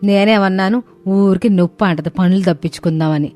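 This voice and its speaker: A woman voicing a sharp-tongued mother-in-law who scolds and brushes others off in a storybook tale. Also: medium pitch, fairly quick, soft background music, close to an everyday voice. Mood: dismissive. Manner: scolding and dismissive.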